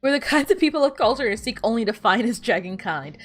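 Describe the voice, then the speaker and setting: A native Spanish-speaking woman talks fast and animatedly while gaming on stream, her voice a little high. She chats casually with viewers, rambling and often beginning sentences again, and soft music plays in the background.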